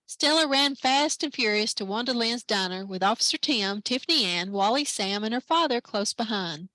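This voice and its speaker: A woman librarian reading a children's picture book aloud at story time, lively and expressive. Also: fairly high pitch, normal speed, dry recording, poor audio. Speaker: library branch manager, story time reader.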